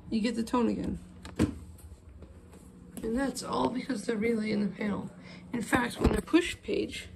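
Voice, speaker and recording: This video host, a woman with a slightly high, creaky voice, casually shows off a phone system project, explaining it informally as she handles her gear. The clip was shot in a small room with wooden floors on a handheld phone camera that keeps moving, and background noise is present.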